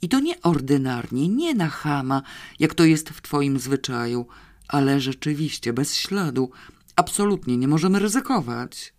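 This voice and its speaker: A man's voice: fairly high pitch, big pitch swings, moderate pace. A furious gang leader barks clipped orders, voiced by a man reading aloud. The voice rides well above the reader's own, tense and commanding, the way a criminal boss sounds in a spoken novel.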